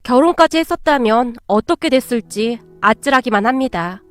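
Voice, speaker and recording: A woman tells a first-person story in a high, clear voice, reading it as a scripted narration. The sound is dry and close-miked. Faint music plays underneath. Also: animated, moderate pace, no room sound. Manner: plain, storytelling, exclaiming at twists.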